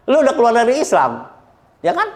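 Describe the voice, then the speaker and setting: A middle-aged man from Indonesia, a guest talking bluntly and joking as he tells his story. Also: very high-pitched. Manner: blunt, joking, laughs often, preachy. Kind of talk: casual chat.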